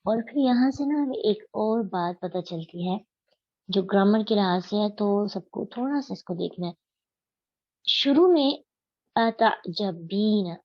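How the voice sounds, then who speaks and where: A woman's voice: medium pitch, dry recording, dull audio. A woman giving a religious study lecture as a Quran teacher. She recites Arabic verses and explains them step by step, asking her listeners questions.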